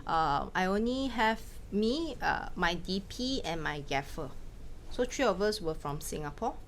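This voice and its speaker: A woman from Malaysia, a film director, answering questions in a casual talk with quick anecdotes and frequent laughs. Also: fairly low pitch, animated, slight background noise. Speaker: film director giving a masterclass.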